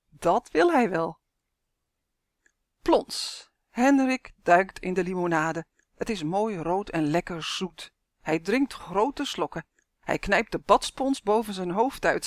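A woman reading a children's story aloud in a clear, expressive manner. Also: mid-range voice, no echo, clean studio sound.

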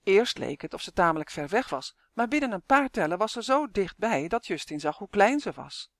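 An audiobook narrator reading a children's storybook in a lively, expressive way. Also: medium pitch, moderate pace, no echo, studio quality.

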